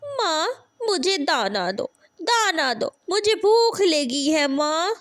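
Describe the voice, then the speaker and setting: A woman's voice: sits high, animated, slow, no room sound, clean studio sound. A woman voicing a lazy, greedy little boy crow who whines and begs for food in a cartoon. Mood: whiny. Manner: whining, begging for food.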